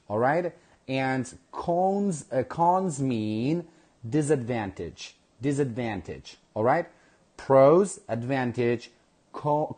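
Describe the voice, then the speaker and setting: A man teaching a live online English class, drawing words out slowly for pronunciation and checking in with "all right?". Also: medium pitch, darkish tone. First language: Kurdish. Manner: slow, drawn-out pronunciation drills with frequent "all right?" checks.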